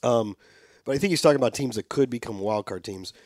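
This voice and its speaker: A man's voice: medium pitch, quick pace, a little mellow, no room sound. Man casually talking football on a dry mic. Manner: conversational, reads listener letters aloud. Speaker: podcast co-host reading listener emails. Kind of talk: casual sports chat.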